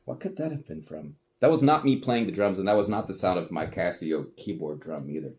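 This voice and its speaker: This adult male host has a deep, brisk voice, with faint music in the background. Reacting to old tapes in casual commentary, he is animated and self-mocking, swearing freely as he pokes fun at himself.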